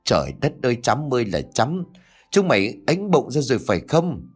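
A man's voice: mid-range voice, huge pitch swings, normal speed, husky, soft background music. A man voicing a furious, domineering wealthy old mother who scolds with harsh insults. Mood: enraged.

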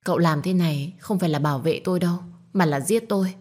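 A woman's voice: on the low side, fast talker, darkish tone, lightly acted. A woman voicing a timid, mistreated young servant woman in a storybook reading, meek and pleading.

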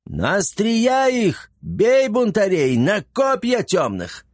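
A man voicing an excitable old nobleman who shouts battle cries in a shrill, high, drawn-out voice. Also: no room sound, clean studio sound, heavily acted. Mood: battle-crazed.

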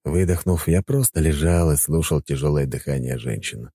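A man's voice: very deep voice, moderate pace, dark tone, breathy edge, dry recording. A man narrating a fantasy audiobook in the first person, with wry, ironic asides.

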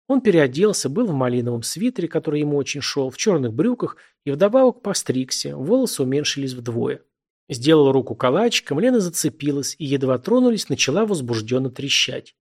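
Guy reading a story out loud, expressive, medium voice. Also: mid-range voice, fairly quick. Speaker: narrator. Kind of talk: audiobook narration.

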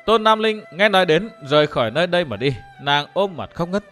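A man narrating a story with an expressive, dramatic reading. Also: high voice, a little fast, faint music behind. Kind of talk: scripted narration.

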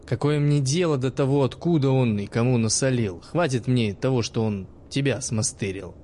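A man playing a stern, gruff old teacher who speaks in a dry, sarcastic and sometimes menacing way. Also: mid-range voice, moderate pace, dark tone, slight background noise, close to an everyday voice.

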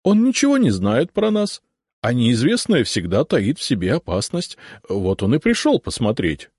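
A wary, lecturing dragon head, as a male storyteller puts it on, grudging and preachy in tone. The reading is animated in pitch and recorded close and dry. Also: moderate pace, husky, no room sound, full character voice. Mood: cautious. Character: cautious, reluctant dragon head, ancient guardian.

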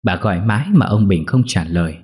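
A man narrating a ghost story in an expressive storytelling way. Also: low-pitched, a little fast, slightly rough.

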